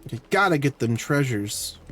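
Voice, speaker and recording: A man's voice: mid-range voice, lively intonation, normal speed, a bit bright. A male streamer playing a game live, reading dialogue aloud and adding sarcastic, swearing asides. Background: faint game music.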